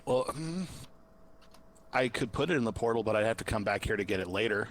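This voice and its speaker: A man's voice: lowish voice, animated, brisk. A man playing a tabletop game, talking casually and chattily with the group. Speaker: player.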